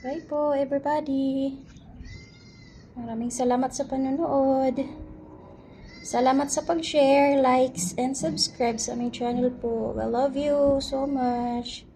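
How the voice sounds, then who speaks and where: A woman's voice: high-pitched, fairly even intonation, slow pace, mellow, a little hiss or hum. A woman talking to her cats in sing-song baby talk, filming them outdoors on a phone in a breezy sunny spot. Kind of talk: casual baby talk to pets.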